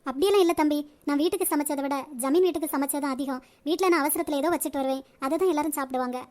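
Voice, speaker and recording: A woman voicing a kind, caring middle-aged mother in a cartoon, talking in a gentle motherly way. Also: sits high, rapid-fire, close to an everyday voice.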